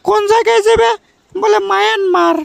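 A woman voicing a nagging, dismissive young village sweetheart in a comic cartoon, with a colloquial Bangladeshi regional accent and a creaky voice. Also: very high-pitched, fairly even intonation, brisk, full character voice. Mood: annoyed, scolding. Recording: music under the voice.

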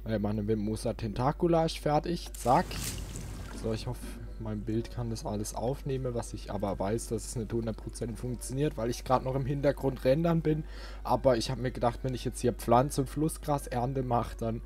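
A man with a mid-range, slightly mellow voice speaks at a normal pace, giving casual let's play commentary. He's informal and often mutters to himself, with game music playing behind him.

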